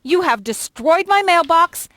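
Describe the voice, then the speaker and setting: A scornful sarcastic shopkeeper. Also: female voice, on the high side, lively intonation, measured pace, a bit bright, no room sound. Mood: exasperated. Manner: mocking, theatrical, exasperated. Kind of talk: video game voice acting.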